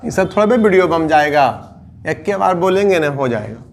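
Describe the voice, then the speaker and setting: A man's voice: fairly high pitch, lively intonation, gravelly, slight background noise. A man with a Bihari Hindi accent teaching English grammar to a class, coaxing and repeating, drawing out the endings of words. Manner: coaxing, repetitive teaching with drawn-out word endings.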